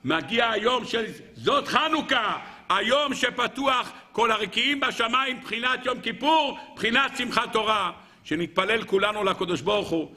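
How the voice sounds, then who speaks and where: A man giving a Torah sermon as a rabbi, emphatic, asking the audience rhetorical questions and swinging between a raised voice and a low one. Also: lively intonation, pushed and bright.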